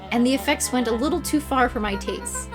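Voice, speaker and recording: A woman voicing a pompous villain mastermind in a boy's body for a story game, with slow, theatrical, condescending menace. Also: high voice, over music, lightly acted. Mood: smug. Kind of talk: voiced reading of story game dialogue.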